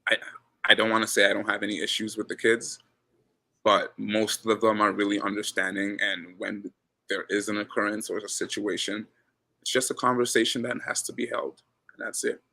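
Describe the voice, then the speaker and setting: Speaking at a moderate pace with vocal fry and a lowish pitch, the Ghanaian basketball coach is a casual interview guest. He keeps repeating words in his relaxed way and remarks that he's got a loud voice.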